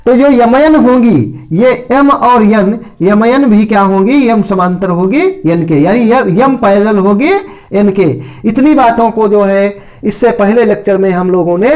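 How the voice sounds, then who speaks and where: A man's voice: high-pitched, measured pace, a little mellow. A man teaching a school maths lesson, asking his own questions and answering them step by step. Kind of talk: classroom lecture to school pupils.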